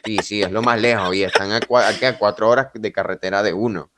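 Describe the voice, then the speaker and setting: A man's voice: lowish voice, steady tone, fast talker, heavy background noise. A Venezuelan man hosting a podcast interview, talking in a reflective, chatty way with some self-deprecating humor. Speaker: podcast host. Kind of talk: casual interview chat.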